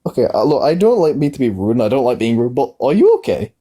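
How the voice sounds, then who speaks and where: Speaking very animatedly and fast in a dark, medium-pitched voice, a livestream guest in his early twenties keeps pushing the same question in a casual debate. He is insistent and repetitive, often stumbling and restarting.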